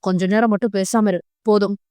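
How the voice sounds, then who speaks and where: A woman voicing a domineering young husband with a low, pressing, rough-tongued manner. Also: fairly even intonation, a little fast, warm tone, dry recording, studio quality, lightly acted.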